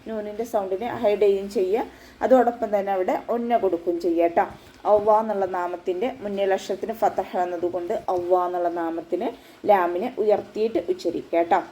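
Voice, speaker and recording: Woman teacher walking through recitation rules slow and patient, soft mellow voice. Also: medium pitch, fairly even intonation, poor audio. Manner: patient step-by-step instruction, with frequent checks for understanding. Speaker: Quran teacher. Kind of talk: recorded tajweed lesson.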